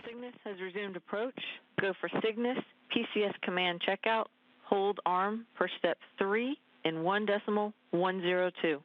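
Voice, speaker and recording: A woman serving as capsule communicator in mission control, giving measured, scripted callouts over a radio loop. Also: medium pitch, no echo. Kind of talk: procedural radio calls. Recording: dry, dull radio loop audio.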